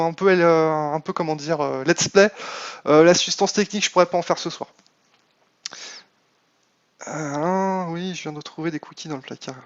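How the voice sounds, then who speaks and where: A man's voice: high voice, clean tone, highs cut off. A man casually commenting on his live game stream, thinking aloud with many fillers and answering chat. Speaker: Minecraft modpack streamer.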